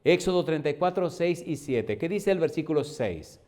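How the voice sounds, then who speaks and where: Pastor guy preaching, dark mellow voice, keeps asking the crowd stuff and acts out little conversations. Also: a little high, normal speed. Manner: animated preaching, acts out dialogues, asks the congregation questions. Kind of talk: sermon.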